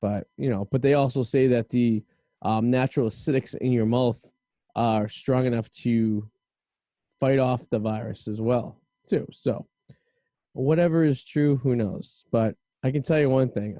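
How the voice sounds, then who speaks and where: Male host, mellow mid-pitched voice, close dry sound, casual banter. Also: normal speed, no echo. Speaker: podcast host.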